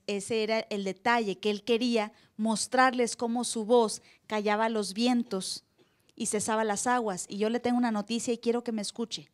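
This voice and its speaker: A woman pastor preaching a sermon live in church, acting out voices with sudden loud cries. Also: on the high side.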